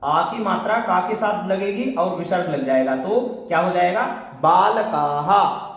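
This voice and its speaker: A middle-aged man with a Hindi accent teaches an online class in a high voice. He asks a question, then patiently gives the answer himself. The sound bounces around a very echoey room, and he stands a little back from the mic. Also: moderate pace, far from the mic. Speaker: Sanskrit teacher.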